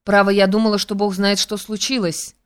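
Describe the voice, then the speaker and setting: A woman's voice: medium pitch, little pitch movement, a little fast, smooth, natural voice. A woman reading an audiobook, voicing a plump, bewildered young woman friend. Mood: puzzled.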